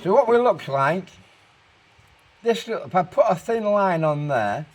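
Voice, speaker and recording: A man's voice: high-pitched, lively intonation, unhurried. A man giving an informal hands-on workshop tutorial, explaining each step and thinking aloud as he works. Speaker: car restoration demonstrator.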